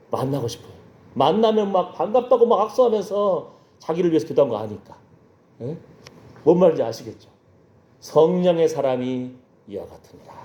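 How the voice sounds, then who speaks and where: Storytelling Korean pastor in an echoey hall. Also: male voice, on the high side, warm tone. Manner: storytelling, acts out voices in dialogue, checks in with the congregation. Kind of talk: sermon. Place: church sanctuary. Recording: echoey church hall, dull lo-fi sound.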